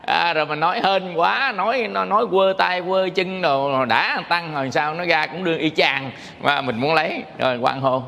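Gravelly bright-voiced monk preaching. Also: male voice, on the high side, normal speed, few pauses, in a large hall. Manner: conversational, asks the audience questions. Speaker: Buddhist monk teacher. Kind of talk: dharma talk.

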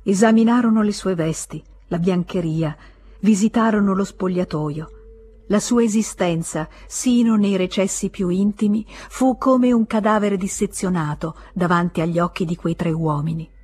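Woman, audiobook narrator, literary reading, measured, expressive, breathy husky tone, mid pitch. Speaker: audiobook reader.

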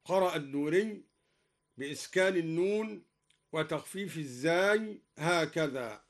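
A man from Egypt teaches recitation on the radio. His voice sits a little high for a man. He speaks in measured explanations and then breaks into slow, melodic chanting of each verse. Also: expressive. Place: radio studio broadcast.

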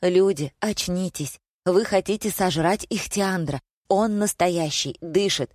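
Brief: woman voicing exasperated young shopgirl, yelling, dry. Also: on the low side, unhurried, no room sound, lightly acted. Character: loud indignant young shop assistant.

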